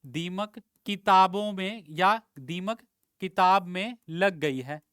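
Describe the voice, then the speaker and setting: A man's voice: high-pitched, takes it slowly, fairly bright tone, clean tone, no echo, studio quality. A man teaching an exam-prep grammar lesson, explaining step by step, quizzing his students and drawing out vowel sounds to show them.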